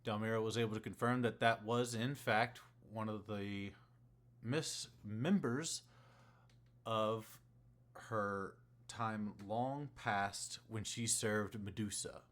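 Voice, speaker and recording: A man narrating a tabletop session as game master. He tells the story in an easygoing way, pausing often on fillers as he recaps for his players. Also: on the low side, fairly even intonation, fairly bright tone.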